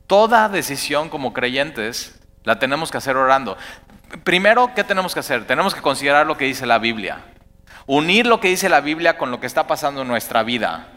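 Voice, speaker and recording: Animated preacher in a reverberant hall. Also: male voice, medium pitch. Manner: animated, rising to emphatic bursts then dropping to quiet asides. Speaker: pastor. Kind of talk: sermon.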